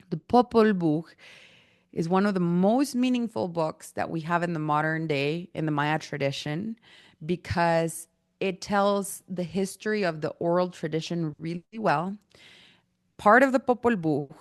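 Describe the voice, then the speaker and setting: A woman's voice: low-pitched, no echo, clean studio sound. A woman teaching an online workshop, talking casually with many fillers, her throat a little irritated. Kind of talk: online presentation talk.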